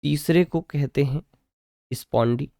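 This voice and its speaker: A man teaching an English literature lesson in Hindi mixed with English. He keeps checking with his students and slows right down to dictate definitions. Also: a little high, gravelly, mellow. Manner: mixes Hindi and English, keeps asking "ठीक है".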